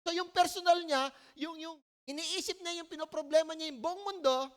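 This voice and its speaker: A woman with a Filipino accent preaching a sermon at a church service in a conversational, animated way, often checking in with the listeners. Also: very high voice, normal speed. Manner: conversational, animated storytelling, frequent "po" and "no?".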